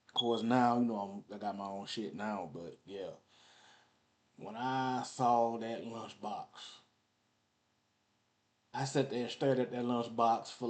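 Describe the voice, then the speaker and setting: A man's voice: medium pitch, darkish tone. A man in his forties reminiscing casually on a vlog, rambling in slangy talk and often repeating himself. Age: 40s. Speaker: vlogger. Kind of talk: casual nostalgic storytelling.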